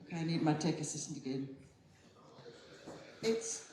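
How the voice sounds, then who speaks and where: A woman giving a chatty conference keynote on stage, lively and quick to laugh at herself. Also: low voice, slight background noise. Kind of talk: live tech talk on stage. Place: conference hall. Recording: roomy hall sound.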